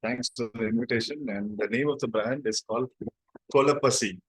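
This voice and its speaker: A man's voice: medium pitch, a little fast, breathy edge, no room sound, poor audio. South Indian man in a dry recording. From Chennai, South India. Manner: explanatory, repeats tag questions. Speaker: interview guest, company founder. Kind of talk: conversational storytelling.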